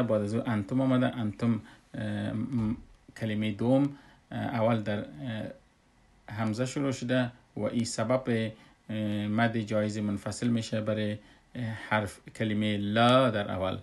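A man teaches Quran recitation patiently, step by step. He speaks in an unhurried way and often stops on a long "uh" before going on. He sounds like a teacher walking through a lesson. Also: fairly low pitch, flat delivery, creaky. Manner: unhurried, with frequent drawn-out "uh" pauses. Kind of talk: step-by-step tajweed lesson explanation.

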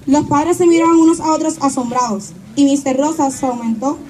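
A woman's voice: high voice, a little fast, darkish tone, a little hiss or hum, low-quality recording. A woman narrating an amateur play on an outdoor stage in a theatrical storytelling style. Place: outdoor tented stage at night.

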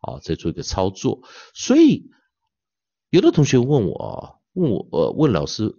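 Animated low-voiced male teacher, lo-fi. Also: no room sound. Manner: drawls out demo words slowly and repeatedly; frequent drawn-out filler particles. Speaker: English pronunciation teacher. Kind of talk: online lecture. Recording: dull lo-fi dry sound.

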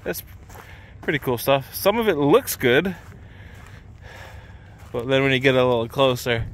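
A man in his thirties vlogging casually while walking through an outdoor car lot, excited and chatty, filmed on a handheld camera at arm's length. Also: medium pitch, measured pace. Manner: excited, chatty, laughs often. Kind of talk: casual vlog walkthrough. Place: outdoor impound parking lot.

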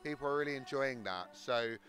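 A man's voice: mid-range voice, brisk, a bit bright, soft background music. A man in his thirties with a South London accent, explaining his work as a hairdresser in an interview on a handheld microphone in a large hall. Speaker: hairdresser demonstrating his technique. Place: large exhibition hall backstage.

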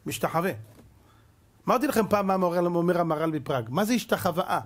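A middle-aged man, a rabbi giving a dramatic lecture full of rhetorical questions, jumping between loud exclamations and hushed asides. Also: sits high. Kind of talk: animated Torah lecture.

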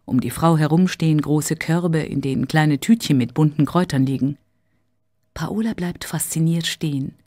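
A woman narrating a story slowly and clearly for language learners. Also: deep voice, dark tone, dry recording, clean studio sound. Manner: clear, careful.

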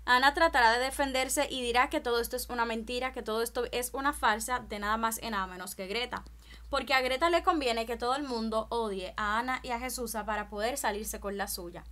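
A woman talks through a soap opera recap, addressing the listener directly in a chatty, informal way. Her voice sits a little high, and she trips over a word now and then. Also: brisk, sharp tone. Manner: chatty, speaks directly to the viewer, small verbal stumbles. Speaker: telenovela recap channel host. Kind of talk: spoken telenovela recap.

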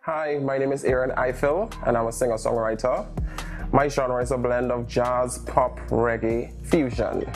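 A man's voice: medium pitch, steady tone, moderate pace. Man talking casually over music. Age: young adult. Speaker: singer-songwriter being profiled. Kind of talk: casual interview talk to camera. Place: indoor living room. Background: music bed.

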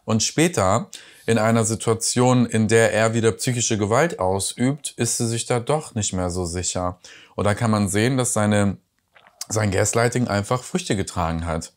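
A man's voice: on the low side, normal speed. A man hosting a reaction video, commenting on a reality show with sarcastic, mocking remarks.

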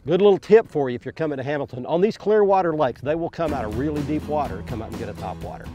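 A fishing show host talking excitedly out on a lake while he reels in and releases bass. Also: racing, soft background music. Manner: excitable, exclaiming while fighting fish. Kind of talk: excited on-the-water commentary. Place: bass boat on a lake, outdoors.

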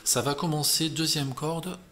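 A man's voice: on the high side, steady tone, unhurried, sharp tone, slight background noise. A man with a French accent teaching a beginner guitar lesson, explaining chords step by step and counting beats aloud.

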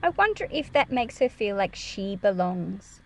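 At a measured pace, a woman with a mid-range voice reads a picture book aloud to children. She explains the story with plenty of expression and asks the young listeners questions, teaching them as she goes.

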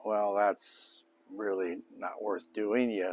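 Slow and easygoing, this older man hosts a beekeeping demonstration outdoors on a patio, musing aloud in a casual, low-key manner as he works. Slight background noise can be heard.

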